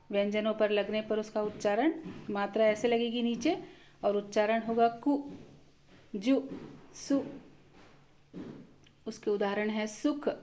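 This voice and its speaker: A woman's voice: medium pitch, dark tone, a little hiss or hum. A woman teaching the Hindi vowels and their signs, explaining patiently and saying each sound on its own. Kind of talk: slow explanatory lesson.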